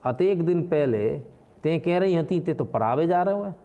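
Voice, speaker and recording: A man's voice: on the high side, animated, unhurried, voice pushed up. A man voicing a naive, complaining rustic village woman in a whiny sing-song rural dialect. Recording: tinny phone-like sound.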